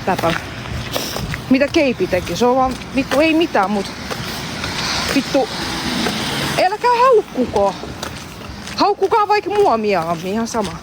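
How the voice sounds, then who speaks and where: A woman's voice: sits high, sing-song, pauses often, noisy background. A woman live-streaming, talking to her chat in a heated, profane way and arguing back at them. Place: outdoors in a public place.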